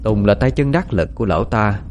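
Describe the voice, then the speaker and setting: A man telling a dramatic ghost story in an expressive storytelling manner. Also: lowish voice, brisk, a little hiss or hum.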